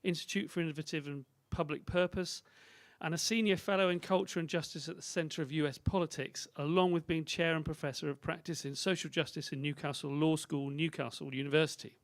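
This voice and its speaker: A man moderating a conference panel, introducing the speakers formally and reading out long titles with small pauses and fillers. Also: a little high, fairly even intonation, dry recording. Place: conference breakout room.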